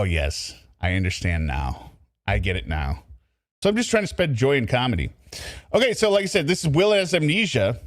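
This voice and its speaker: A man's voice: a little high, a bit bright, no room sound. Sarcastic man hosting a commentary. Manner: sarcastic, scornful asides. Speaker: commentary channel host. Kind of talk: casual mocking commentary.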